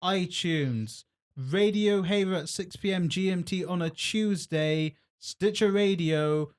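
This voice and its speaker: A man's voice: sits high, smooth. A man from the UK hosting a casual podcast chat with friends, jokey and rambling. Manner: jokey, rambling, quick banter. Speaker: podcast host.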